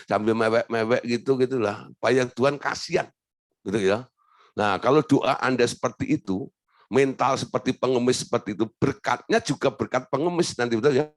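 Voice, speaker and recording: A man preaching a lively sermon as pastor, acting out whiny beggar prayers with humor. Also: medium pitch, a little fast, dry recording, studio quality. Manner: animated, acts out whining prayers in a mocking voice.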